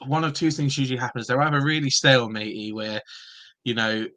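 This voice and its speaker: A man's voice: mid-range voice, brisk, sharp tone. A man hosting a football podcast in a casual, chatty presenting style. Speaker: podcast host.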